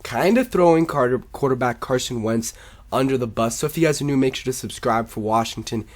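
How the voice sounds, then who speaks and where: A man's voice: mid-range voice, brisk. A man with a congested, sore-throated sick voice gives casual, opinionated sports commentary as a video host in an informal, rambling way.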